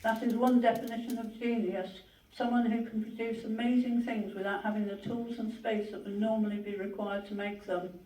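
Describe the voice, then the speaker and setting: The host of a memorial gathering, reading tributes and introducing speakers in a gentle, unhurried way with small hesitations. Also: mid-range voice, little pitch movement. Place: large hall at a memorial gathering. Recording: echoey hall, from a distance, faint noise.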